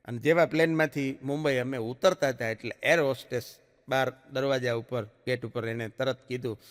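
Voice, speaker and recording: A man's voice: mid-range voice, steady tone, moderate pace, long reverb tail. A man telling jokes on stage, a chatty storyteller who swings his voice up and down for punchlines. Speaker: stand-up comic. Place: live stage show. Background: audience laughter.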